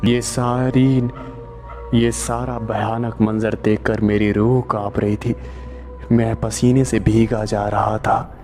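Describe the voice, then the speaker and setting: A man narrating a first-person horror story in slow, tense storytelling. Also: lowish voice, level tone, darkish tone, soft background music. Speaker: storyteller narrating as a truck driver.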